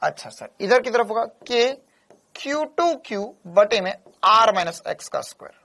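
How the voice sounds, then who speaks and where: A man teaching a physics lecture in an animated, teasing way, repeating key lines. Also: high voice, moderate pace, creaky. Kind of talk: classroom lecture.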